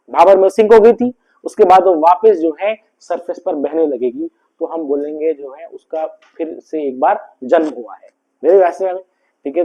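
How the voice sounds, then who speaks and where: High-voiced man teaching. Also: dark tone, lo-fi sound. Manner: keeps checking if students understood; mixes English terms into explanations. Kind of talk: classroom lecture.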